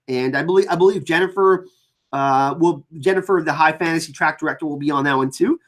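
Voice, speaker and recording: This livestream host has a French Canadian accent and a mid-range, slightly bright voice. They chat casually and read viewer comments aloud, frequently halting and repeating words.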